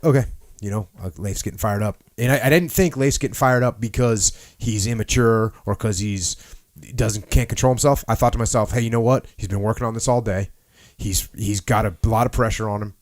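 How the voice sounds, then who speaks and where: A man's voice: lowish voice, dry recording, clean studio sound. A man hosting a leadership podcast, talking in an emphatic, punchy way and repeating key phrases. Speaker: podcast host. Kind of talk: leadership discussion.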